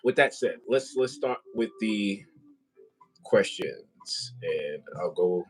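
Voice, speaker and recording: A man's voice: on the low side, animated, takes it slowly, poor audio. A man hosting a casual live interview, chatty and rambling with many fillers. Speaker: host. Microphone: compact wireless mic.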